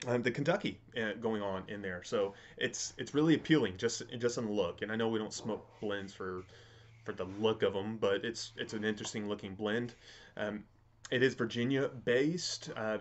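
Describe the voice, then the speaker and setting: A man in his thirties talking casually to camera as a reviewer, halting and repeating words as he thinks aloud. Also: medium pitch, dull audio. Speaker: pipe tobacco reviewer. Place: indoors, home study with bookshelves.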